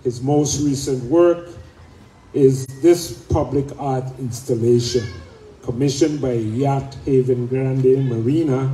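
A man acting as master of ceremonies, formally introducing an artist to the crowd in a measured, announcing way. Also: mid-range voice, warm tone, a little hiss or hum. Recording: roomy, distant mic.

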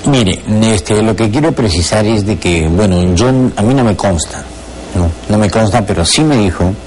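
This middle-aged Peruvian former lawyer, a guest in a television studio interview, has a fairly low, darkish, expressive voice at normal speed and a Peruvian Spanish accent. He hesitates often, using many fillers and repeated words, amid slight background noise.

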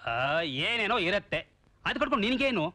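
A blustering crooked boss. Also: male voice, very high voice, lively intonation, bright, forceful tone, no room sound, full character voice. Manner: blustering, quickly panicked. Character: cowardly crooked chit fund boss, male, blustering.

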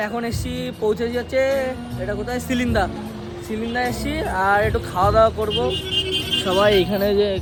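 A young man hosting a casual travel vlog, talking to his viewers about the day. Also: sits high. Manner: hushed and soft-spoken early on, so as not to wake his father; excited and loud outdoors with friends. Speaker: vlogger.

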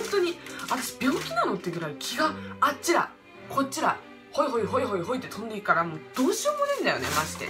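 A young woman with a lilt talks fast and rambles excitably through a casual vlog, her pitch bouncing all over. She sits in a hotel room at night, facing a camera under bright lights, with background music playing under her voice. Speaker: vlogger. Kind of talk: casual solo vlog chat. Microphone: camera in front under bright lights.

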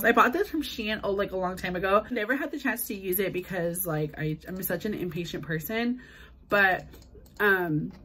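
A young woman vlogging to camera about her feelings, tearful and halting, full of fillers. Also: mid-range voice, fairly bright tone, slightly rough, low-quality recording. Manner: halting, emotional, filler-heavy with lots of "like". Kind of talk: confessional vlog to camera.

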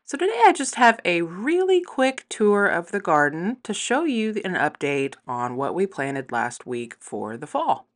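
Low-voiced woman on a garden tour. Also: sing-song, a little slow, few pauses. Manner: chatty and upbeat, with some fillers. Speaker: gardening vlogger. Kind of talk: casual garden tour narration. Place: outdoor backyard garden.

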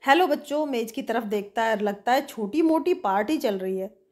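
Woman teacher, story-reading lesson, expressive delivery, pitch a touch high. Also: moderate pace.

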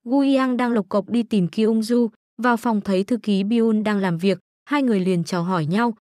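A woman narrating a comic story recap in a brisk, plain storytelling manner. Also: mid-range voice, darkish tone, dry recording, clean studio sound.

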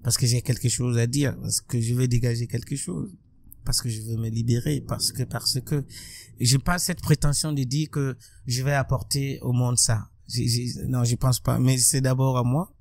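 Speaking into a studio mic on a boom arm in a bright room full of plants and large windows, a musician guest from Burkina Faso reflects in interview. His gravelly, medium-pitched voice has fairly even intonation and a darkish tone, and he is thoughtful, halting, restarting often.

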